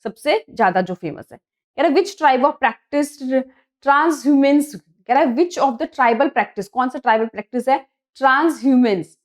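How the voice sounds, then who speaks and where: A woman teacher with a Hindi accent, reading quiz questions slowly in English and explaining the answers in Hindi. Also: sits high, animated. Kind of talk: exam prep lesson.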